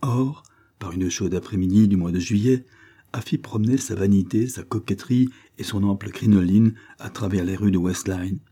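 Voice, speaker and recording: Casting: male storybook reader, dark mellow tone, low, steady. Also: moderate pace. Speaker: audiobook narrator. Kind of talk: scripted narration.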